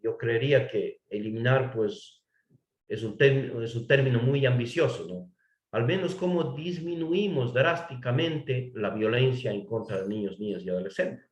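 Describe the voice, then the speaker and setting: A man from Ecuador, giving a formal legal lecture in a measured way, restating phrases and asking rhetorical questions. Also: mid-range voice, roomy sound, dull audio. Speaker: course lecturer.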